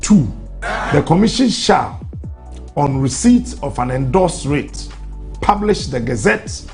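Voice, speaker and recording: Man, Ghanaian accent, radio host, highish voice, deliberate explainer, repeats for emphasis, music behind. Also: big pitch swings, creaky. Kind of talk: reading out legal text and explaining it live on air.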